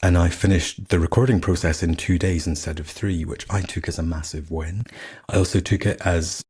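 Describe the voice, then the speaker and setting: A man's voice: sits low, steady tone, normal speed, a little mellow, slightly rough. A middle-aged man with a faded Scottish accent, hosting a solo podcast in a candid, self-mocking, chatty way. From Scotland. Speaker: podcast host. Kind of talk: casual solo podcast chat.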